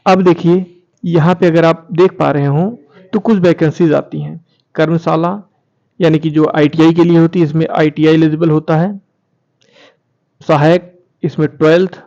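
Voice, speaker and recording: A YouTube channel host with a fairly high, mellow voice presents documents in an informal explainer for his online viewers, reading formal text aloud and then commenting on it directly while repeating key phrases for emphasis. The audio is somewhat dull and lo-fi.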